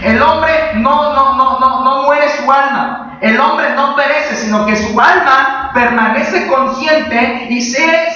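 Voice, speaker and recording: A man's voice: extremely high pitch, bright, forceful tone. A man preaching a sermon as a pastor, emphatic and full of rhetorical questions to the congregation. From Mexico. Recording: echoey, distant, dull sound.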